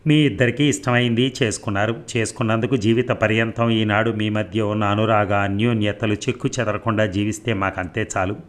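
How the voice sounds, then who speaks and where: Guy reading a gentle mom character from a novel audiobook, low plain voice. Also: fairly even intonation, a little fast, few pauses, close to an everyday voice. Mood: kind. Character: middle-aged mother, kind and accepting.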